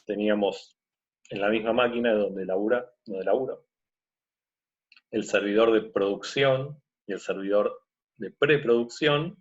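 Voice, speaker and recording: Low-voiced man teaching. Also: dull audio. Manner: explains step by step, often checks in with the listener. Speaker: course instructor. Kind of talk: screen-recorded software tutorial.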